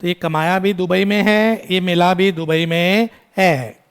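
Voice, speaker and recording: A man teaching a tax lecture in Hindi mixed with English, quizzing his students, calling them "beta" and scolding them briskly. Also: high-pitched, steady tone, clean tone. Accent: Indian English. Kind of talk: classroom lecture.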